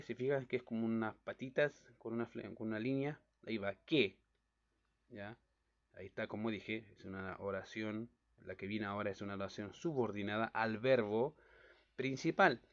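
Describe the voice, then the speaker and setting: A man walks his students through a lesson at a mid pitch, explaining each step plainly and checking in with them constantly. The recording sounds a little dull and lo-fi. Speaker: Bible study teacher.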